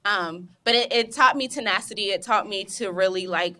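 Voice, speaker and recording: A young woman chemist, talking in a casual interview, animated and emphatic with frequent laughs and restarts. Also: mid-range voice, moderate pace. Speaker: guest, cosmetic chemist.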